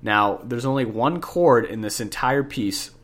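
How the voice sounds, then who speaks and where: A man hosts a jazz piano podcast lesson at a measured pace, his mid-range voice fairly bright but nasal from congestion. In a chatty way, he repeats key points for listeners and corrects himself as he goes.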